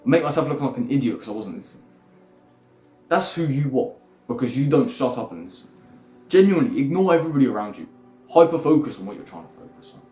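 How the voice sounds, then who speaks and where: A young man gives a rambling self-improvement talk in a mid-range, mellow voice, animated and fast, blunt and profane throughout. Faint music drifts through the echoey room.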